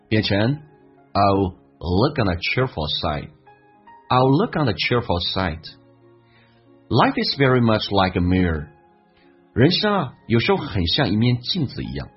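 A man teaching English pronunciation and listening, explaining how words link and repeating phrases slowly as models. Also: lowish voice, husky. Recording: dull lo-fi sound with faint background music.

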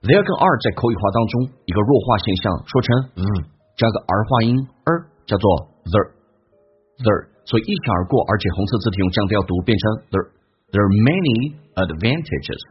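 Brief: low-voiced male English teacher, quick explanations, slow models, dull recording with faint hiss. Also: animated, husky. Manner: switches between quick Mandarin explanation and slow, drawn-out English model sentences. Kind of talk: classroom lesson explaining pronunciation.

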